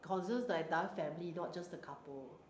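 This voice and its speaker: A woman's voice: on the low side, a little fast, a little mellow. A young Singaporean woman chatting casually in colloquial Singlish, blunt and exclamatory, dropping in particles and Mandarin words. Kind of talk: casual chat. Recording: roomy echo, light background noise.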